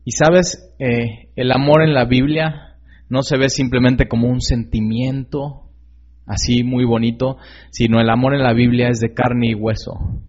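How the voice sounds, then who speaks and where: This medium-pitched male preacher speaks a little slowly, with a level, somewhat mellow tone, delivering his sermon earnestly and conversationally. He leans on fillers and tag questions and frequently asks the listener direct questions. It's captured on a slightly dull lo-fi recording.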